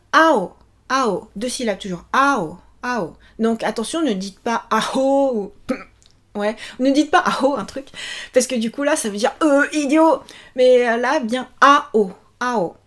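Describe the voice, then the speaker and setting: A cheerful young woman teaching a language video lesson, repeating each word slowly and clearly. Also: a little high.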